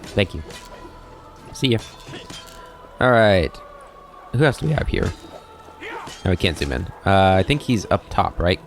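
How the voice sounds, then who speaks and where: A man hosting a let's play, giving relaxed commentary and muttering asides to himself. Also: deep voice, a little slow, creaky, pauses often, faint music behind. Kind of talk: casual gameplay commentary.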